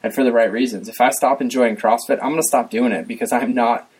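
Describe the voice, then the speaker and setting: A man's voice: medium pitch, fairly even intonation, quick pace, a little mellow, breathy edge, rough recording. A chatty man guesting on a podcast. He rambles along in an easy, casual way and breaks into laughter often. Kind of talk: casual chat.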